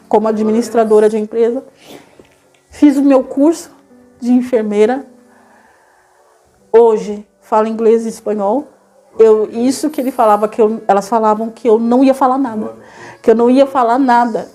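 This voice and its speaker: Woman from são telling her testimony at church, kinda high voice, calls everyone brothers. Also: warm tone. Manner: earnest storytelling, addresses listeners as brothers.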